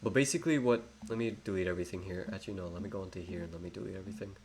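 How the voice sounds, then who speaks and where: Racing along in a low, slightly mellow voice, a young Englishman teaches trading live. His rambling tutorial is packed with fillers and self-corrections, and faint background noise can be heard.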